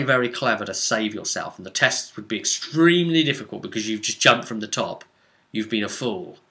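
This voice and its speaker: With a sharp tone and a medium-pitched voice, a man describes a tabletop role-playing game he ran as game master. The account is casual and meandering, rich in detail, with certain key words punched for dramatic effect.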